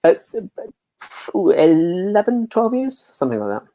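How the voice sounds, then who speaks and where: An English pantomime dame performer, appearing as an interview guest, tells anecdotes in a jokey, self-deprecating way during a casual chat. His voice sits high with big pitch swings, at a measured pace, mellow and dry.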